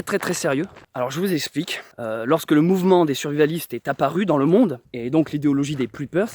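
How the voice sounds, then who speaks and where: A young man with a fairly high voice rambles to his viewers while filming outdoors on a handheld camera. He keeps restarting sentences and fills the gaps with "euh" as he explains himself. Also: a little mellow. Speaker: survivalist vlogger. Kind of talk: casual vlog to camera. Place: outdoors by his bunker and orchard.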